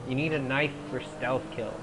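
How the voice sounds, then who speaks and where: Casting: young male let's-player, mid-range pitch, loose slangy chatter with swearing, clear background noise. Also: moderate pace. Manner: slangy, profane, rambling. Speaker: gaming commentator. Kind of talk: casual let's play commentary. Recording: clearly noisy, game engine sounds behind.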